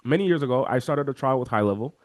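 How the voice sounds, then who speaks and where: Animated man pitching his webinar system. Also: quick pace, no echo, clean studio sound. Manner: animated, acts out quoted chat voices. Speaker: interview guest, software coach. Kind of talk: energetic screen-share walkthrough.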